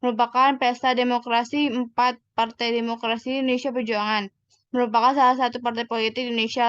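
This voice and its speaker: A woman's voice: on the high side, clean tone, no echo, lo-fi sound. A young woman reading a prepared presentation aloud, stumbling and restarting words now and then. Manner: reads aloud with restarts and slips.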